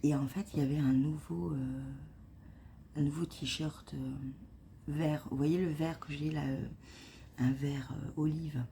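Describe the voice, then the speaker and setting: A woman whispering and speaking very softly in a hushed early-morning vlog, hesitant, with many fillers and restarts. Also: low-pitched, steady tone, measured pace, vocal fry, slight background noise. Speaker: vlogger. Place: at home before dawn.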